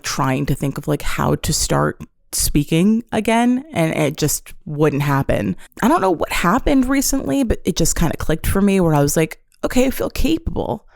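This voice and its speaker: Speaking from a room in her apartment, a twenty-something solo podcaster shares casual confessions and self-deprecating remarks. She has a low, gravelly, darkish voice. The on-camera setup captures clean, studio-quality audio without echo.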